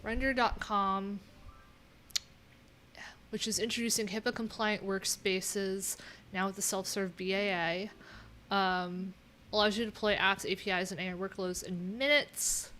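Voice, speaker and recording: Streaming from a small room at home, this web developer and host chats casually while coding, thinking aloud in an offhand, wry way and tossing in chatty asides as she reads her screen. Her average-pitched voice is steady in tone, a bit bright, and a little slow. Faint noise hums in the background.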